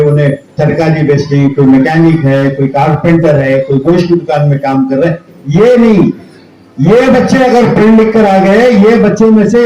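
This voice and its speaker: A man's voice: high voice, mellow, echoey room, a little hiss or hum, low-quality recording. A man giving an earnest public speech at a school function, urging parents to educate their children. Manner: earnest, exhorting, repetitive pleading. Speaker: school society speaker at prize distribution.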